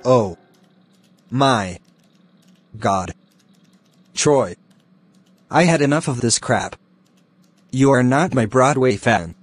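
Flat text-to-speech man's voice. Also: mid-range voice, slow, long pauses, a little hiss or hum. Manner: flat synthetic delivery.

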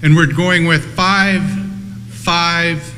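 An older man hosting a live prize giveaway as a booming, jovial announcer, joking with contestants over a handheld microphone. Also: steady tone, extremely slow, pushed and bright, in a large hall. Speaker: event host and prize announcer. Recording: noisy live event amplified sound.

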